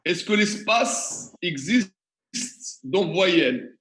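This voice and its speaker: A man teaches a classroom tutorial, asking students questions and walking through examples one step at a time. His voice is high and bright, and he talks at an unhurried pace. The sound is roomy, with the echo of a classroom. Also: lively intonation. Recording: echoey classroom.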